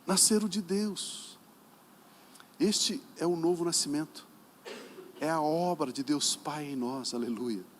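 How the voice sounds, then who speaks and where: A middle-aged man with a Brazilian Portuguese accent preaching a sermon as pastor, emphatic and dramatic, acting out dialogues and swinging from soft to loud. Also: fairly high pitch, slight background noise. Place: church sanctuary during a service.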